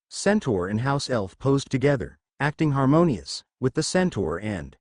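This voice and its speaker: A man reading a fan-fiction story aloud in an expressive narration. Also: mid-range voice, dry recording, clean studio sound.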